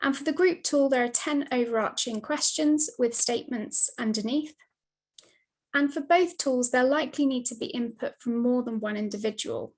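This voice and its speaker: A woman giving a steady, scripted slide presentation over a video call, her mic cutting in and out. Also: fairly high pitch, moderate pace. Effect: video call audio, mic cutting in and out. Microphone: computer mic on a video call.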